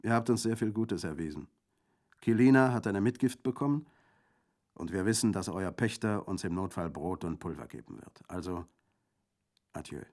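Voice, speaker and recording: A man's voice: deep voice, animated, normal speed, darkish tone. A man voicing a hot-tempered older male Corsican bandit in a radio reading, blunt and emphatic. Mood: gruff.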